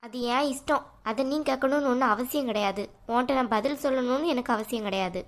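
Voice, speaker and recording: A woman's voice: high-pitched, a little fast, pitched below the performer's own voice. A woman voicing a scheming middle-aged mother-in-law in a cartoon, scornful and domineering, with a Kanyakumari Tamil accent.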